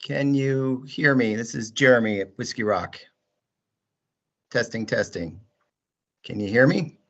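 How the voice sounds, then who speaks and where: A man's voice: mid-range voice, a little slow, muffled recording. A man on a video call testing a line that is not coming through, repeatedly checking whether he can be heard. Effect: video call audio. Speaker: planning consultant. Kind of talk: remote public comment.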